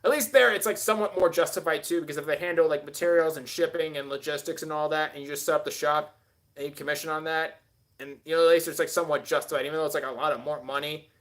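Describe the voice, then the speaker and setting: A man's voice: fairly high pitch, fairly even intonation, fast talker, fairly bright tone. A man hosting a live stream, rambling casually and answering chat with many filler words.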